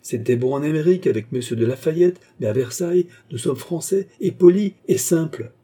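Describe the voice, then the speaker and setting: A man's voice: mid-range voice, animated, moderate pace, dark tone, husky, pitched above the performer's own voice. A man reading an audiobook, voicing a proud, furious queen with indignant, imperious outbursts. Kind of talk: audiobook character voice.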